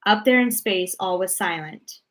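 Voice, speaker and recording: A woman with a medium-pitched voice narrates a children's storybook, telling the story expressively and deliberately.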